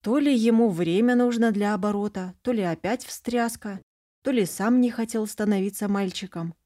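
A woman reads a first-person fantasy audiobook with expressive storytelling. Her voice is warm and mellow, and the recording is dry and close. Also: mid-range voice, normal speed, dry recording. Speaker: audiobook reader.

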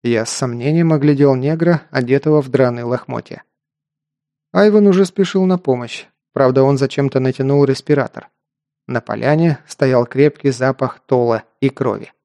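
Gravelly male audiobook narrator. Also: medium pitch, moderate pace, mellow, no echo. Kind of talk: first-person action narration.

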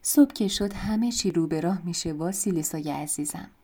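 A small magic doll from a fairy tale, kindly and reassuring, speaking in a soothing way, as a woman narrator reads its lines. The voice is warm, mellow and low.

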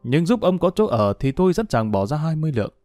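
A man voicing a reserved grown stepson, measured and curt. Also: on the high side, sing-song, dark tone, no room sound, clean studio sound, soft background music, pitched above the performer's own voice. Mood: firm.

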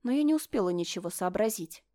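A woman reading a novel aloud in first-person narration, with a quiet, measured delivery. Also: mid-range voice, lively intonation, no room sound, studio quality. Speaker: audiobook reader.

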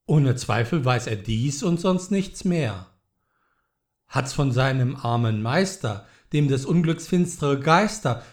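Slow, solemn man reciting dark poetry. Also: medium pitch. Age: middle-aged. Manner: solemn, brooding delivery rising to loud impassioned pleading. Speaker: poetry reader.

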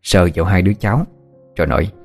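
A man narrates a story with a steady, measured delivery. His voice sits on the low side. Soft music plays quietly underneath. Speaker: audiobook narrator. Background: soft background music.

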